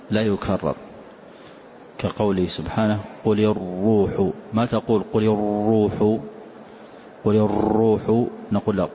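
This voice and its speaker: A man teaching a tajweed lesson, explaining slowly and reciting short words to demonstrate pronunciation. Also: lowish voice, warm tone. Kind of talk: classroom lesson on tajweed rules. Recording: dull lo-fi lecture recording with faint hiss.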